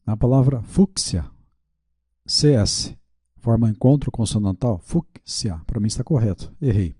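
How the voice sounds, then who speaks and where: A man's voice: mid-range voice, normal speed, dark tone, slightly rough, no room sound, studio quality. A man teaching a video lesson with a Brazilian Portuguese accent, working through quiz questions aloud, checking his answers and admitting his mistakes.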